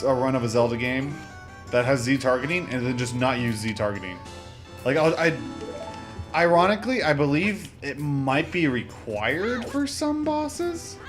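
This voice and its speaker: Video game music plays as a man with a mid-range voice hosts a let's play. He rambles casually about the gameplay and frequently interrupts himself with joking remarks.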